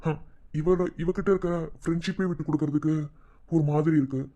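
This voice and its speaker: A man's voice: steady tone, quick pace, dark tone, dull audio, close to an everyday voice. A man voicing a worried young married man in a cartoon, muttering his thoughts in a Madurai Tamil accent. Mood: brooding. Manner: low, muttering inner monologue. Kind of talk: cartoon voice acting.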